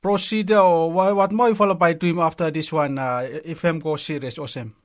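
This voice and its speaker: Clear, higher-pitched male interviewer. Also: fairly even intonation, brisk. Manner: speaks Solomon Islands Pidgin. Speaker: radio interviewer. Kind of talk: news interview questioning.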